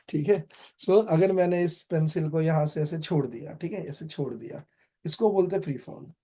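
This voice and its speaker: गहरी आवाज़ वाला भारतीय भौतिकी शिक्षक. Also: male voice, fairly high pitch, dark tone. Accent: Indian. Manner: quizzes students with quick questions, mixes Hindi and English. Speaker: physics tutor. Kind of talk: online classroom lecture.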